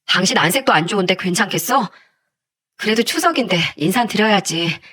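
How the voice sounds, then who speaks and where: A woman's voice: mid-range voice, expressive, brisk, bright, forceful tone, slightly rough. A woman voicing an earnest middle-aged husband who talks to his wife in a pleading, heartfelt way, in a storybook-style telling. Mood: gentle. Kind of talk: storybook narration with acted voices.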